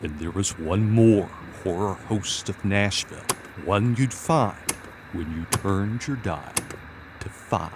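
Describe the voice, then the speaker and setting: A man narrating a scripted TV news feature as a reporter, with playful dramatic storytelling and deliberate pauses. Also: fairly low pitch, noisy background.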